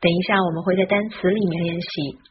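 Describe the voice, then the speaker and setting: A woman teaching English pronunciation in a careful lesson, spelling out letters and modeling each sound slowly. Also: fairly low pitch, fairly even intonation, slight background noise. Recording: dull, lo-fi recording.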